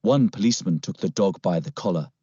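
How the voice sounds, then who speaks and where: A man narrating a first-person story in an expressive, dramatic reading. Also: sits low, fairly quick, breathy edge, no room sound. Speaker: audiobook narrator. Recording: slightly muffled, dry.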